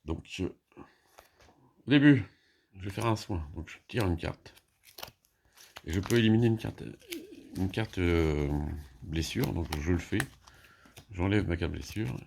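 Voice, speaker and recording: Low gravelly French-speaking man thinking aloud. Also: unhurried, long pauses, darkish tone, a little hiss or hum. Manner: hesitant, many fillers and restarts, thinking aloud. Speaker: board game player explaining a solo playthrough. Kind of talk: casual play-by-play explanation.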